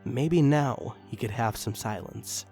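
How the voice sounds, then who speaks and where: Here the narrator reads dramatic fiction slowly, his medium-pitched voice warm in tone. Music accompanies the reading in the background.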